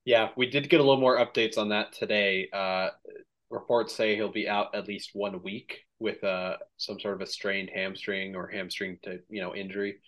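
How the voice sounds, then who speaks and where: Speaking at a normal pace in a lowish voice, a podcast host runs through game recaps and stats for his casual sports show. His delivery is relaxed and heavy on ums and filler, and his voice sounds a bit worn, like it's starting to go.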